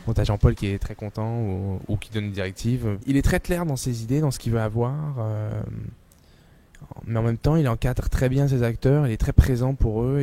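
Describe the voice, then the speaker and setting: A man, an actor talking in a relaxed, slangy interview manner. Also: mid-range voice.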